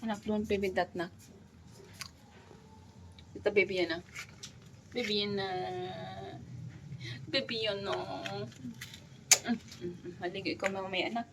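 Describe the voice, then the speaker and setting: A woman's voice: mid-range voice, fairly even intonation, takes it slowly, creaky, long pauses, noisy background. A woman with a Filipino accent chatting casually at home in a vlog, mixing Tagalog and English and coaxing her small child. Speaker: vlogger and mother. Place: at home, indoors.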